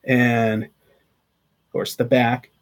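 Very slowly and with little pitch movement, a mid-voiced channel host in his thirties delivers a rambling, casual vlog update. He's chatty, full of fillers and restarts, recording on a webcam at desk distance inside a small attic whose ceiling slopes and is paneled in wood.

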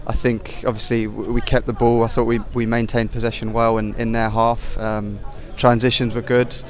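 Flat-voiced young footballer, halting. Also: male voice, medium pitch. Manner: halting, many fillers and restarts. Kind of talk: post-match interview. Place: outdoors at a stadium car park. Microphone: handheld mic.

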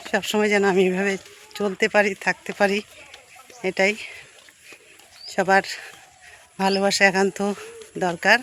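A woman health worker talking to her viewers outdoors, a little out of breath, gently coaxing and advising the people she meets. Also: medium pitch, little pitch movement, measured pace, long pauses, slight background noise. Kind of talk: casual vlog talk to viewers. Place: outdoors by a village road.

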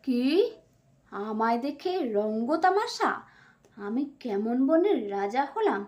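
A woman's voice: on the high side, big pitch swings, slow, darkish tone. A woman doing a blustering cartoon lion king. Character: blustering male lion king, proud and short-tempered. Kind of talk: cartoon voice acting. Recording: faint music behind.

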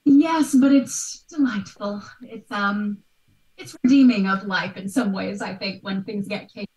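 A woman in her thirties, an art history podcaster, appears as the expert guest in a conversational question-and-answer interview and thinks aloud. Her medium-pitched, darkish voice is fairly even and a little slow. She joins by video call on a computer microphone from a small, bright room at home, sitting distant from the mic so the room sounds echoey.

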